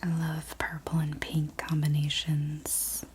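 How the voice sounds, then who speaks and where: A woman in a whispered role-play as a library clerk, speaking in a soft, breathy library whisper with gentle customer-service manner. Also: deep voice, monotone, slow pace, slight background noise. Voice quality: breathy, mostly unvoiced whisper. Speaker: ASMR performer playing a library clerk.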